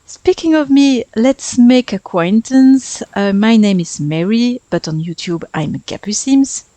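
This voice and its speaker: This French woman in her thirties sounds a little high and expressive, unhurried and warm, as she voices over her Sims speedbuild. Her accent is French, she talks a lot and jokes at her own expense, and there's no room sound.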